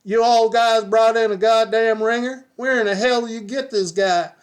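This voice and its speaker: A man voicing a loud, drawling American police officer who is incredulous at what he sees. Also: extremely high pitch, steady tone, moderate pace, voice pushed up.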